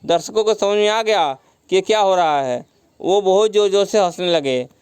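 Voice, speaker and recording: A man's voice: sits high, normal speed, darkish tone, clean tone, no echo. A man teaching a story lesson, retelling each line and glossing words with simple synonyms, mixing in English words. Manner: mixes English words into the explanation.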